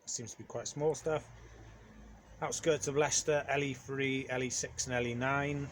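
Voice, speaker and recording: A man's voice: medium pitch, fairly even intonation, normal speed, slight background noise. A man, a van courier, chatting casually to camera in a rambling way with lots of ums. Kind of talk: casual vlog talk to camera.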